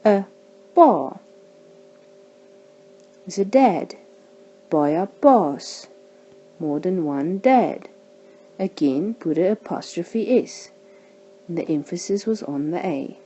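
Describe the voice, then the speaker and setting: A woman teaching a language lesson, saying each example word slowly and carefully. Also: on the low side, expressive, dark tone, muffled recording, a little hiss or hum. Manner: slow, careful pronunciation of example words.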